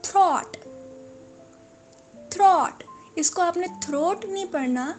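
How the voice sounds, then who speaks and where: A high-pitched woman drills English words in a slow, patient lesson. She repeats each word several times and corrects common mistakes, with soft background music beneath her. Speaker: English vocabulary teacher. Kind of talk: slow, repetitive vocabulary lesson.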